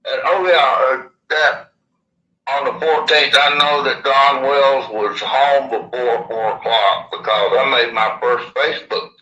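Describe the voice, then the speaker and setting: A man's voice: medium pitch, fairly even intonation, a little slow, bright, forceful tone, echoey room, lo-fi sound. A man with a lisp and slushy s sounds from missing upper teeth, telling a first-hand story in a casual, folksy, rambling way. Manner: folksy, plain-spoken, rambling. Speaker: interviewee.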